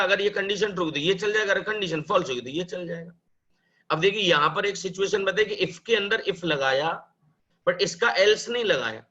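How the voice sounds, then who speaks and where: A man's voice: high-pitched, pushed and bright, muffled recording. A man teaching a live programming class, explaining step by step, asking questions and answering them himself. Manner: mixes Hindi and English, calls students "bhai" and "beta".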